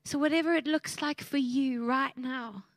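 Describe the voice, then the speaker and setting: A woman's voice: high-pitched, fairly even intonation, moderate pace, no echo. A woman, preaching a sermon and telling a family story in a heartfelt, emotional way. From South Africa.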